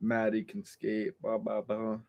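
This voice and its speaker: A man chatting casually among friends, laid-back and halting. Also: lowish voice, completely flat delivery, vocal fry, darkish tone. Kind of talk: casual chat.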